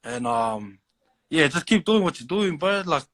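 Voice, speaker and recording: A man's voice: a little high, big pitch swings, measured pace, a bit bright. A man with a New Zealand accent chatting casually as an interview guest, in loose slang peppered with like and bro. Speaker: drill rapper being interviewed. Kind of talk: casual chat.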